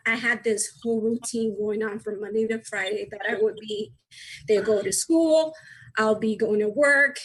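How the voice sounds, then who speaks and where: A woman's voice: a little high, a bit bright, rough recording. A woman in her thirties doing a chatty, self-deprecating stand-up set over a video call. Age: 30s. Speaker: stand-up comedian.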